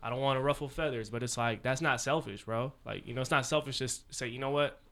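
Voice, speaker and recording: A man's voice: medium pitch, fast talker, fairly bright tone. A man hosting a podcast, talking casually with slang and mimicking how other people talk. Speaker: podcast host. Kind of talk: casual chat.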